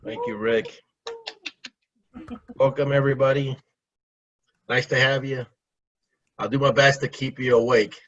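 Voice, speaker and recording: A man, the guest presenter, speaking on a video call in a relaxed, slightly unsure way while sharing his screen. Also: mid-range voice, lo-fi sound. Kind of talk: casual talk before a presentation.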